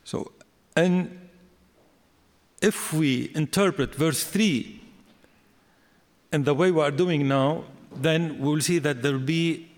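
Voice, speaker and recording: A man giving an academic lecture on scripture, deliberate and explanatory, with fillers and restarts. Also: fairly high pitch. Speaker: biblical studies lecturer. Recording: long hall reverb.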